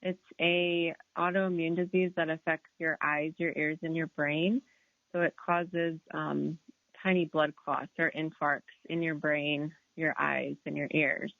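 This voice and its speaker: A woman's voice: low-pitched, little pitch movement, measured pace, creaky, dry recording. A woman in her thirties calling into a radio show, earnestly explaining with hesitant fillers. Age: 30s. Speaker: caller. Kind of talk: phone-in caller. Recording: tinny phone line.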